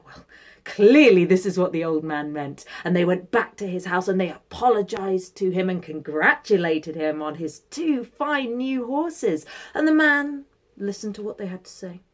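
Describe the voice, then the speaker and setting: A woman telling a folktale expressively, with dramatic pauses and emphasis. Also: mid-range voice. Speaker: storyteller. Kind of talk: expressive oral storytelling.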